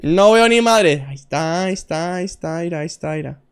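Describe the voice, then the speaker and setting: A young man with a Mexican accent streaming a puzzle game live, joking loudly, swearing and answering his chat. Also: a little high, animated, fast, smooth, soft background music. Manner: loud and joking, swears often, reads chat aloud.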